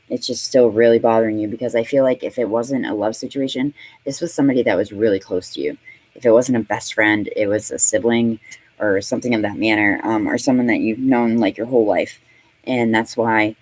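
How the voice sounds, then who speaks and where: A woman's voice: a bass voice, darkish tone, dry recording, rough recording. Chatty, swearing woman tarot reader. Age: 30s. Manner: chatty and profane, laughing often, full of fillers. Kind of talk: casual tarot reading.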